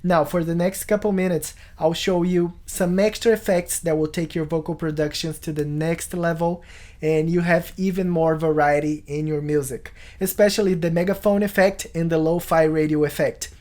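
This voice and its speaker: A man's voice: on the high side, steady tone, normal speed, darkish tone. A man in his thirties explaining things as a video tutorial host in a small home studio. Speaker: music production tutorial host.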